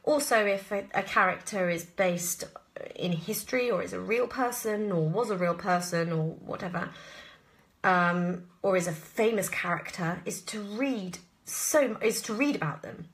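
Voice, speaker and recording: This is a woman with an English accent, an actress in a casual live chat who works through audience questions hesitantly, thinking aloud and often clearing her throat. She speaks at an unhurried pace in a medium pitch.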